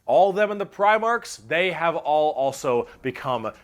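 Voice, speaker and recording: A man's voice: on the high side, lively intonation, measured pace. A man streaming, casually explaining game lore in a loose, profane way and reading chat messages aloud.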